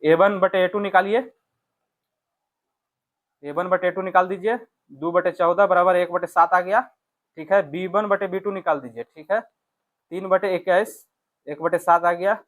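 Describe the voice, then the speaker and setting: This maths teacher's voice sits high and a bit bright, with a steady tone, a measured pace and frequent pauses. He goes through exam questions step by step for viewers, often asking short tag questions to check they're following.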